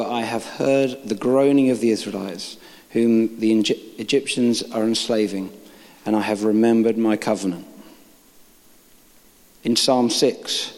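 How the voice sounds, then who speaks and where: A man's voice: medium pitch, darkish tone. A man giving an informal sermon, reading scripture aloud and making joking asides to the congregation. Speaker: preacher. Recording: long reverb of a large hall.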